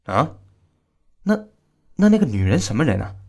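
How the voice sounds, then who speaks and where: A man's voice: medium pitch, big pitch swings, normal speed, vocal fry. A man playing a curious police detective. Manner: short probing questions. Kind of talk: storytelling narration.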